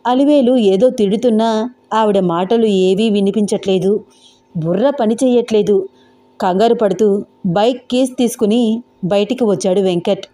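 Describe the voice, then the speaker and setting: A woman storyteller reading a romantic audio story in a steady, even manner. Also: mid-range voice, normal speed. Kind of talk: scripted audio story narration.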